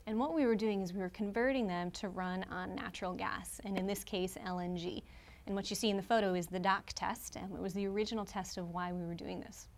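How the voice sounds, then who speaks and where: A woman's voice: medium pitch, fairly even intonation, a little fast. A woman presenting to engineers in a webcast studio, explaining steadily and posing rhetorical questions.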